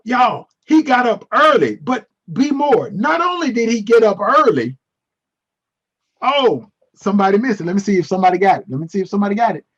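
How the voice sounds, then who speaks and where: Male Bible teacher, high husky voice, playful and teasing, online class over dull call audio. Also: big pitch swings, fairly quick, fairly bright tone. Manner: playful, teasing, responds to chat. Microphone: video call.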